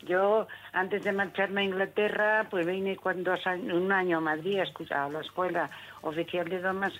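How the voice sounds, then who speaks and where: A woman's voice: fairly low pitch, fairly even intonation, normal speed, highs cut off. Matter-of-fact woman in her eighties. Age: 80s. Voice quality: matter-of-fact, stumbles and repeats words. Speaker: guest. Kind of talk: radio interview.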